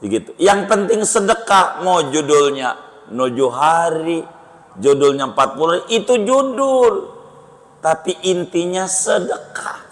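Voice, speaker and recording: A man preaching a sermon, joking and conversational, with sudden jumps in pitch. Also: animated, unhurried. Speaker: Islamic preacher. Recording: long hall reverb.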